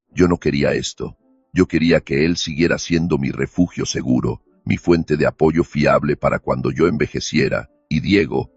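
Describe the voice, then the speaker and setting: A man reading a dramatic first-person story in a steady, even narration. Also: rumbling low, husky, no echo. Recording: dull lo-fi recording with faint music.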